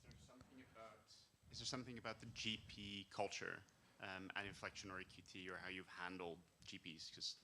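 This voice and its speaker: A man's voice: sits low, steady tone, brisk, sharp tone, a little hiss or hum. A man in a conference audience asking a probing, conversational question.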